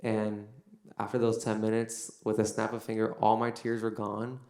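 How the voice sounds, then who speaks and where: A man's voice: on the low side, completely flat delivery, moderate pace, darkish tone. A young man telling a personal faith testimony in a casual storytelling way, full of fillers. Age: young adult. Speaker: son giving a testimony. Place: university venue. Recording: echoey room.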